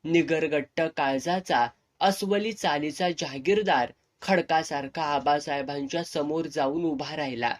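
A man narrating a serialized novel in an expressive storytelling manner. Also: a little high.

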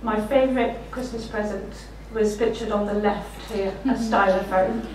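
This middle-aged woman's voice is slightly croaky, medium in pitch and steady in tone as she gives a conference keynote at normal speed from behind a lecture-room desk. Her anecdotes are warm and self-deprecating, often broken by laughter. A far-off room mic records her with echo and background noise.

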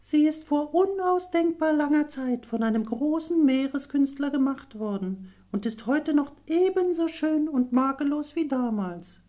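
Storybook mermaid princess, tearful and gentle, very high but mellow voice, slow soft phrasing. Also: male voice, lively intonation. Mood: sorrowful. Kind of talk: audiobook character voice.

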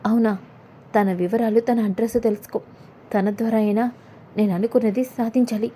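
A woman's voice: on the high side, fairly even intonation, moderate pace, warm tone, slight background noise, close to an everyday voice. Woman voicing a scheming determined man.

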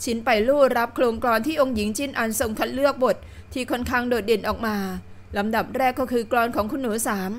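Rich: A woman narrating a long novel as an audiobook, her voice a little high and her delivery calm and steady. She keeps an even, unhurried reading pace throughout. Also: slight background noise. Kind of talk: scripted narration.

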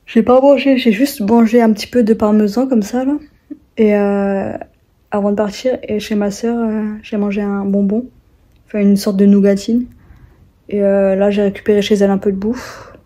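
Young woman vlogger, rambling casual chat, soft mellow tone. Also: medium pitch, little pitch movement, normal speed. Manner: rambling, chatty, many fillers and restarts.

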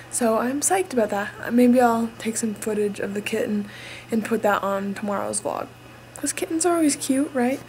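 A woman's voice: on the high side, slight background noise. A young woman chatting casually to a handheld camera indoors, as a vlogger. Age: young adult. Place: small home exercise room indoors. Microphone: handheld camera at arm's length.

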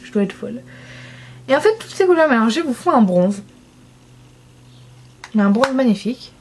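A woman's voice: on the high side, a little mellow, breathy edge. A young woman from France chatting casually through a makeup swatch review, enthusiastic and self-mocking. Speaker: beauty vlogger.

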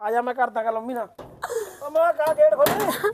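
A man's voice: very high voice, expressive, normal speed. A man playing a coaxing village husband. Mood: soothing. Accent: Malwai Punjabi. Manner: coaxing, lecturing peacemaker. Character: young village husband calming a family row. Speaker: son and husband. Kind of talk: village comedy skit. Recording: noisy crowd in the background.

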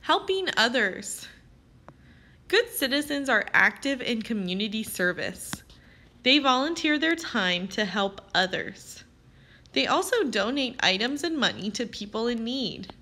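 A teacher with a fairly high voice reads aloud to young children slowly and with lots of life. Her children's narration is expressive and carefully phrased.

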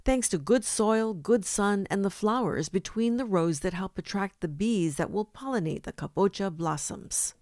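A woman's voice: medium pitch, animated, moderate pace, few pauses, a little mellow, no room sound, studio quality. A woman giving an upbeat, scripted voice-over for a short food segment. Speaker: segment narrator.

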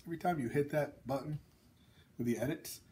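A man's voice: on the high side, fairly quick, dark tone, slight background noise. Blunt joking man in casual chat. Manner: blunt, joking, rambling with fillers. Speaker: author and host.

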